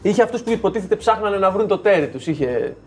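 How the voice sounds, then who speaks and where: A man's voice: high voice, faint music behind. A young man telling stories animatedly in a casual chat among friends. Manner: animated storyteller.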